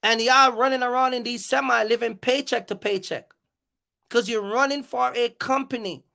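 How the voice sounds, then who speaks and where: A livestream host launches into an off-the-cuff rant in a bright, forceful, medium-pitched voice with a gravelly creak, keeping a steady tone and moderate pace. The delivery is emphatic and confrontational, challenging listeners and repeating phrases to hammer each point home.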